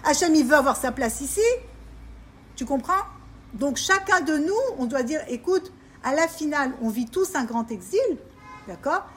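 A woman's voice: sits high, lively intonation, moderate pace, fairly bright tone, a little hiss or hum. A woman teaching a group of women about faith, emphatic and repetitive, often asking her listeners if they understand. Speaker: religious teacher. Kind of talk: informal Torah talk to women.

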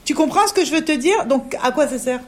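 A woman's voice: sits high, lively intonation, quick pace, a crowd in the background. A woman leading a women's religious discussion, coaxing her listeners and often checking that they understand. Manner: coaxing, keeps asking "you understand?".

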